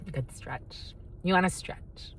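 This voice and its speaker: A Spanish-speaking woman, with a fairly bright voice and a little background noise, does a casual tarot reading. She's blunt, swears freely, and addresses her viewers as "my lovies."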